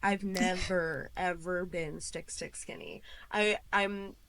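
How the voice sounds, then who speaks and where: Late-20s woman guest, low-ish pitch, chatty and informal. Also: steady tone, slow, creaky, fairly bright tone. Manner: chatty, many fillers, quoting herself. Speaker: podcast guest. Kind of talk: casual interview chat.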